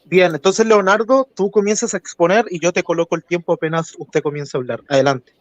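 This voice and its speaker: A Chilean man moderating an online debate, courteous and measured, often pausing with fillers. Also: high-pitched, no room sound. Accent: Chilean Spanish. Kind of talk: live-stream debate moderation.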